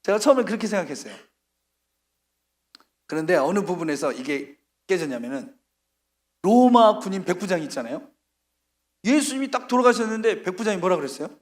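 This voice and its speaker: High-voiced man preaching animatedly. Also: a little fast, pauses often. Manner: animated storytelling, acting out quoted voices. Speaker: missionary preacher. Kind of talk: sermon.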